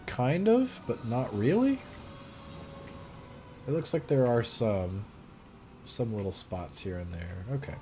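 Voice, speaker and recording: A man's voice: medium pitch, animated, slow pace, pauses often, warm tone, soft background music. A man casually commentating his gameplay, thinking aloud and muttering his plans as he goes. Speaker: gamer.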